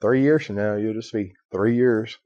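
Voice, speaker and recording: The audio is dull but echo-free, carrying a mellow, lowish male voice at a normal pace. He's an Irish podcast host narrating a story in relaxed conversation, with plenty of asides, "right?" tags and acted-out quotes.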